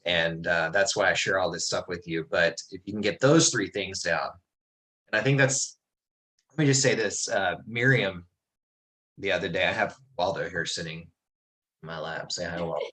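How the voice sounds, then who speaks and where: A man's voice: low voice, moderate pace, low-quality recording. Reflective man teaching over a call. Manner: relaxed, reflective storytelling with many restarts. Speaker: class teacher. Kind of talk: informal class talk over a video call. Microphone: video call.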